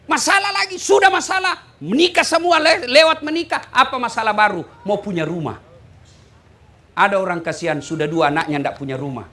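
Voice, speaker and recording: A man preaching a humorous sermon. His voice is bright and sharp, and it swings widely up and down as he bursts into loud emphasis. He breaks into snatches of sung song. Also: high-pitched, lively intonation, fairly quick.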